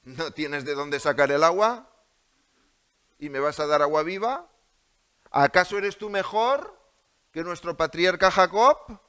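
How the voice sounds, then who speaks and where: A man's voice: a little high, measured pace, pauses often, a bit bright, smooth. A Spanish preacher voicing a defiant woman. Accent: Spain. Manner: defiant, retorting questions. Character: bold, challenging woman at a well.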